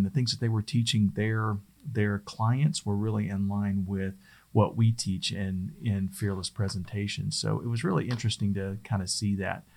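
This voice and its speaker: A middle-aged man gives a casual spoken lesson on presentation skills, conversational, loose and rambling, often restarting his phrases. His voice is on the low side with a darkish tone.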